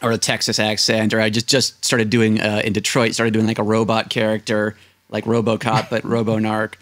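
An American man in his thirties, a podcast guest on a video call, tells casual anecdotes and acts out what people said, though his delivery stays completely flat. His voice is on the low side with a fairly bright tone at normal speed. He sits at a desk in a small indoor room, close to a desk microphone, and there's no room sound.

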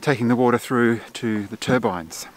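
A mid-range male voice at normal speed, with slight background noise. He's a chatty landscape photographer narrating a casual vlog to camera outdoors in a forest and at a gorge lookout, explaining things with frequent fillers, recorded on a camera mic held at arm's length.

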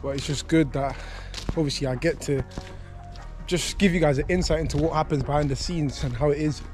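Young male vlogger, relaxed slangy chat, slightly high voice, faint music bed. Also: brisk. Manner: laid-back slang-heavy chat. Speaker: vlogger, professional footballer. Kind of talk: casual vlog talk to camera.

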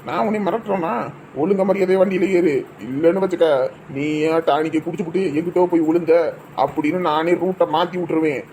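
A man's voice: on the high side, fairly even intonation, fast, darkish tone, a little hiss or hum, close to an everyday voice. A man playing a bossy husband who scolds and threatens in a comic sketch. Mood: blustering. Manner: blustering, scolding. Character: bossy husband threatening his brother-in-law.

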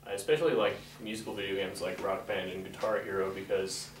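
A man's voice: low-pitched, level tone, fast talker, noisy background. A nineteen-year-old man, a music student, talking casually in an interview, recorded by a camera across a small room. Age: young adult. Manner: casual, matter-of-fact. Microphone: camera mic at a distance. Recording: echoey room, distant mic.

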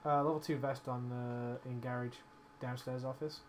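A man banters with his teammate while streaming a shooter game, swearing freely and cracking jokes over a headset. His voice sits at an ordinary pitch, and a faint hiss runs underneath it. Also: fairly even intonation, normal speed. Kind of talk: casual gaming chat.

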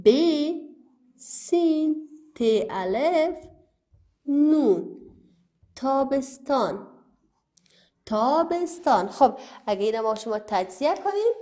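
A woman's voice: on the high side, darkish tone. A woman teacher with an Afghan Dari accent, giving a recorded lesson to young children, spelling out letters and syllables and answering her own questions. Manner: spells out letters and syllables slowly, repeating words; asks questions, then answers them herself. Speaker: primary school teacher.

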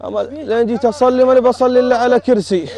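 A man's voice: very high-pitched, fairly even intonation, racing, a loud crowd. A man playing a grumbling, bossy elderly Bedouin grandfather with a Saudi Gulf Arabic accent, in improvised outdoor comedy. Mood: weary, grumbling. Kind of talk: improvised comic role-play. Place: outdoor garden seating area.

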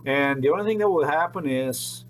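Speaking to his desk webcam in a small room, a middle-aged man gives an off-the-cuff vlog monologue, earnest, rambling, and repetitive. His voice is on the high side at a normal speed, and the rough recording has a slight hiss or hum.

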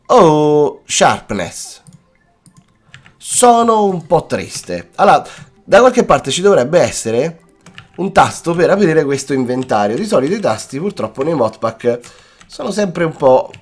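Lively Italian man narrating his gameplay. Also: on the high side, moderate pace, slightly rough. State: coughing, voice worn. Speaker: gaming YouTuber. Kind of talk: casual Let's Play commentary. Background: faint background music.

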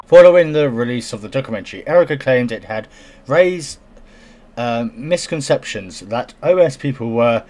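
A man riffs on an odd news item, reading it aloud and tripping over the words. He breaks into giggles and throws in sarcastic jabs. His voice sits at an ordinary, middle pitch for a man. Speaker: commentator reacting to a news story. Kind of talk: casual reaction commentary.

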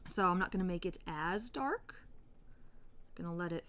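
A woman in her thirties hosting an art tutorial, chatting in a relaxed way while she colors, with soft murmured asides. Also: on the low side, moderate pace. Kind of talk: casual chat while coloring.

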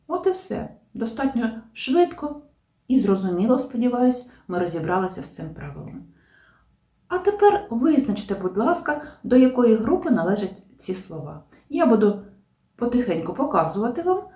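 A woman teaching a grammar lesson, explaining clearly and deliberately and stressing each example word. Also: mid-range voice, darkish tone. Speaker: language teacher. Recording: roomy echo.

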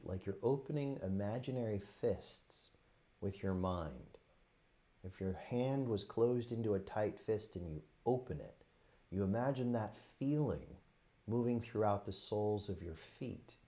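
Speaking gently and taking his time, a man with a rather low voice guides a meditation. He sets out compact phrases with gaps between them, the way a teacher would lead students through a practice.

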